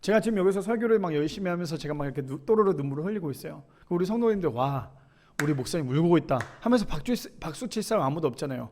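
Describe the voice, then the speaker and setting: A man preaching a sermon at a church service in a fairly high voice. He reads scripture verses aloud between his remarks and keeps checking in with the congregation by asking them questions. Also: lively intonation, racing, few pauses, a little mellow, a little hiss or hum. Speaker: pastor.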